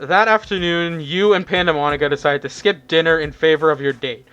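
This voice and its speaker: A man's voice: on the high side, fairly even intonation, fairly quick, a bit bright, smooth, muffled recording, faint music behind. A man narrating a fan visual novel aloud, often stumbling and rereading words, with chatty asides. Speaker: narrator reading a fan game.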